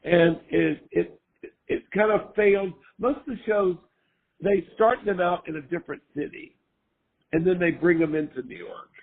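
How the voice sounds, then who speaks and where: An older man, hoarse from a cold, chatting casually as an interview guest and rambling with lots of fillers. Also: high-pitched, normal speed. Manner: rambling, full of fillers and restarts. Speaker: guest, former costume maker. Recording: tinny phone-line sound.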